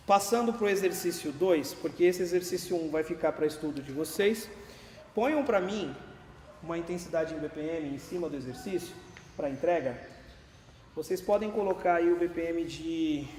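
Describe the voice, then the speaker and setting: A man's voice: fairly high pitch, mellow. A man teaching a music class, patiently explaining dynamics while counting beats and singing note names. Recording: echoey classroom with long reverb, faint room noise.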